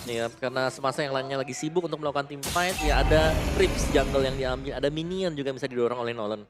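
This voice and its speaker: A man's voice: medium pitch, fast. A man with an Indonesian accent giving analytical commentary on a live esports game. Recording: loud music behind the voice. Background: loud background music.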